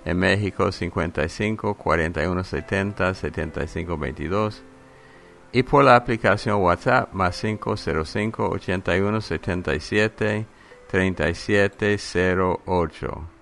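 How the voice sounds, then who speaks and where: Low, gravelly male devotional host. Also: a bit bright, slight background noise. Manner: reads out phone numbers in measured groups. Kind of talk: program sign-off announcement. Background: music.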